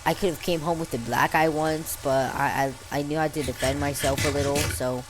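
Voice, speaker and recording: A woman's voice: low voice, steady tone, brisk, poor audio. A young girl chatting casually and unscripted as a vlogger, rambling in slang with some stuttering and an impediment that turns R sounds into W. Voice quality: speech impediment on R sounds, says w for r. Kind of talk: casual unscripted life-story chat over gameplay.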